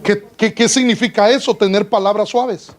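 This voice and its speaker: A male pastor preaches in a church in a high-pitched voice at normal speed, with fairly even intonation. He poses questions to the congregation and addresses them as brother. The recording is low quality, with a bit of hiss or hum.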